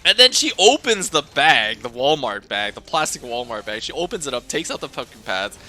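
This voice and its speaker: A man's voice: medium pitch, sing-song, fairly quick, bright, forceful tone. A young man streaming, telling a casual story in a rambling way, swearing and laughing a lot.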